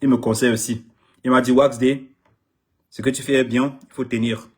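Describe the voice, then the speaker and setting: A middle-aged man from Cameroon who manages artists and grew up speaking English gives an impassioned French address, hammering points through repetition and frequently stumbling. His mid-range voice barely moves in pitch, sounding a little mellow and slightly rough at a moderate pace.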